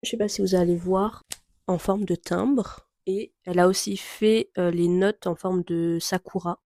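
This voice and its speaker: A young woman chatting casually to camera about her reading plans, rambling with many fillers and soft laughs. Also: fairly low pitch, fairly even intonation, unhurried, no echo, clean studio sound. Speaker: book vlogger.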